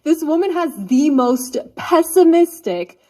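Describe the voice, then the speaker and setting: A woman's voice: high voice, lively intonation, a little slow, darkish tone. Blunt American woman commentator. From United States. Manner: blunt, scornful. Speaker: commentary host. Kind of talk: opinionated commentary.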